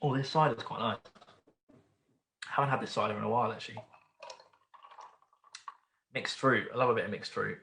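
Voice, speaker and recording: A man's voice: fairly low pitch, fairly even intonation, normal speed, gravelly, long pauses, sharp tone, slight background noise. Uk guy running a pub quiz from home, chatty, rambles and repeats questions, roomy echo. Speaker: quiz host. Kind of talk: casual livestream quiz hosting. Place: room at home.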